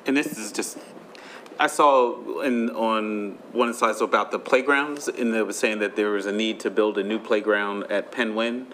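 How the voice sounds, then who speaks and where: A man's voice: lowish voice, steady tone, normal speed, a bit bright. A man who is a board member, asking a question at a public meeting. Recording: faintly noisy meeting room.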